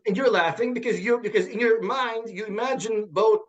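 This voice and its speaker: Halting high-voiced man, often repeating words. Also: highs cut off. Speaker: guest, computer science professor. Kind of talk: conversational interview.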